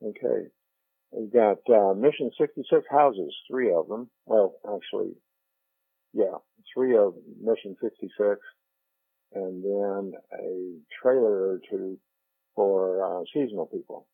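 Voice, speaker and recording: An older man reminiscing in an interview in a halting way, with pauses and repeats, speaking over a telephone. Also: on the low side, creaky, husky, dry recording. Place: on a telephone call. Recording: muffled telephone line with electrical hum.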